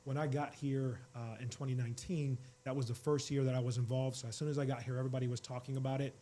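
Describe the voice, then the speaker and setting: A man in his forties, a college department chair, talking in a relaxed interview with fillers. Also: mid-range voice, fast, slight background noise. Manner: warm, relaxed storytelling with fillers. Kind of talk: casual interview talk.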